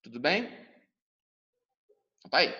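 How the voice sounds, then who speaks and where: A man's voice: on the high side, big pitch swings, measured pace, bright, forceful tone. A Brazilian man teaching a class, talking directly to his students and acting out their questions. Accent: Brazilian Portuguese. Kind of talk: lively classroom lesson. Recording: dull sound with long reverb.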